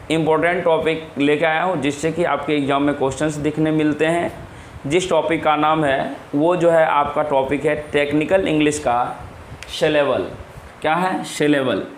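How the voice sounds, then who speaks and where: Young guy teaching, kinda high voice, repeats stuff, echoey room w/ a little hiss. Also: fairly even intonation, unhurried. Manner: repeats key words and asks rhetorical questions. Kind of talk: classroom-style explanation. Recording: echoey room with faint noise.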